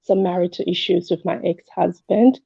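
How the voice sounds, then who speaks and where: Phoning into an online talk show, a woman tells a personal story casually, acting out bits of dialogue as she goes. Her voice is fairly low, dark and slightly rough with vocal fry, at a normal speed. The call audio is muffled and dry, with no room sound.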